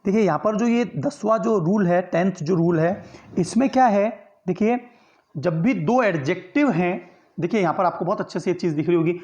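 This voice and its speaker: A high-pitched man, recorded with the highs cut off, leads an online exam-prep grammar lecture. He lays out each step, regularly answers his own questions, and asks tag questions hoping listeners will agree.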